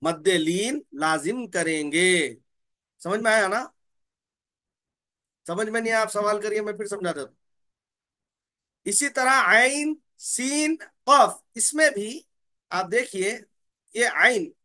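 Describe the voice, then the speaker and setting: A man's voice: high voice, bright, forceful tone. A man teaching the rules of Quran recitation, repeating key terms and asking and answering his own questions. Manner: drawls out letter names slowly. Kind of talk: slow explanatory lesson.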